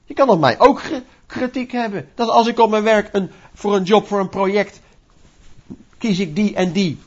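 Animated, husky-voiced male preacher. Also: very high-pitched. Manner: animated, conversational preaching with rhetorical questions. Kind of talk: sermon. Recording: dull lo-fi recording.

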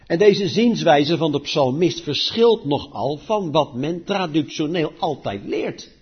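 A man preaching a sermon, declaiming scripture loudly and then dropping to quiet asides. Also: fairly high pitch, lively intonation, measured pace, husky. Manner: emphatic, swings between loud declaiming and quiet asides. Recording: dull lo-fi recording.

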